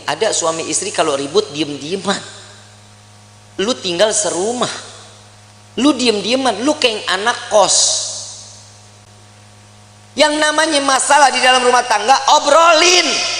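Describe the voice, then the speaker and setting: A male preacher with a very high, bright voice that leaps up and down as he jokes with the crowd. His sermon rings through a large hall with long, echoing reverb. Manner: joking, talks straight to the crowd. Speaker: Islamic preacher. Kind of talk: humorous marriage sermon.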